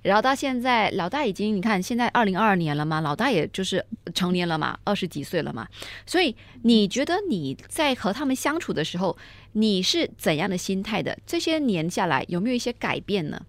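A woman's voice: mid-range voice, very animated, fairly quick, no room sound. Woman host doing a podcast interview, dry close mic, teasing a bit. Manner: prompting questions with light teasing. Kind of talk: radio-style podcast interview.

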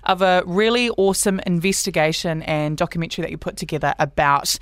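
A woman's voice: on the low side, steady tone, fast talker, no echo. A woman hosting a casual radio interview in an informal, loosely phrased way. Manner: informal, frequent filler "like". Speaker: radio morning show host.

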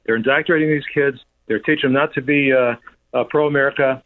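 A man calling in to a radio show on a speakerphone from his office, ranting in a rapid, heated way. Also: mid-range voice, steady tone. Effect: calling in on a speakerphone over a phone line. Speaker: radio call-in caller. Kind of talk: call-in talk radio. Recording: tinny speakerphone line.

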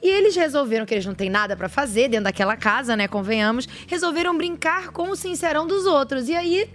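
A woman hosting a casual talk show, sounding chatty and playful. Her voice sits a little high, and she banters easily while steering the conversation. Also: animated, quick pace, a bit bright, faint music behind. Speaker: host.

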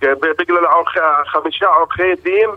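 A bereaved father calls in to a radio show by phone, his fairly high voice coming in halting, repetitive bursts that grow emotional and angry. The telephone line sounds tinny.

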